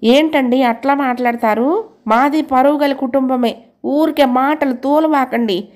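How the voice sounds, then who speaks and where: A woman's voice: sits high, measured pace, a little mellow, voice pushed up. A woman voicing a sarcastic, nosy female office clerk in an audio novel. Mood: mocking. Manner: mocking, nosy.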